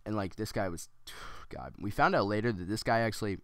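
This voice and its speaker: A man's voice: on the low side, expressive, fairly quick, no echo. A man rambling through a story as casual gameplay commentary, with many ums and restarts.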